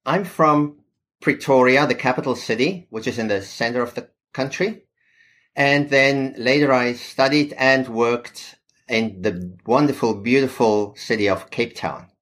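A South African man in his fifties, appearing as a podcast guest, answers interview questions modestly and hesitates now and then. He has a South African accent and a medium-pitched, fairly bright voice, and he speaks unhurriedly.

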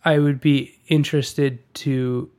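A man's voice: medium pitch, level tone, slow, darkish tone. Young male co-host, casual, rambling, filler-heavy. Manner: rambling, lots of fillers and restarts. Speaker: podcast co-host. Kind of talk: casual film discussion.

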